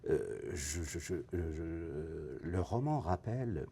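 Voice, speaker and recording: A male novelist, originally from Africa, answering questions in a television interview, thinking aloud and searching for his words, with many pauses. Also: deep voice, animated, warm tone, slight background noise. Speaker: novelist guest. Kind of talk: TV interview, reflective.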